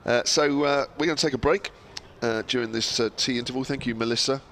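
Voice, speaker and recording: A man commentating live on cricket, summarising the scores at a break with relaxed, hesitant pauses. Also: medium pitch, slight background noise. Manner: relaxed, fills gaps with drawn-out hesitations while reading scores.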